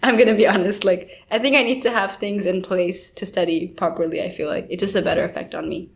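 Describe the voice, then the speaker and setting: A young woman from India co-hosting a casual podcast. Her voice sits in a middle range. She talks in a chatty, relaxed way and often says "like.". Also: mid-range voice, fast, vocal fry. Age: young adult. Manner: chatty, lots of "like" and "I feel like". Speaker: podcast co-host.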